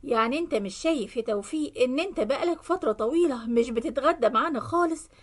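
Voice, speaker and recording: A woman's voice: high-pitched, animated, fast. A woman voicing a jealous, firm middle-aged wife with an Egyptian Arabic accent, insistent and nagging.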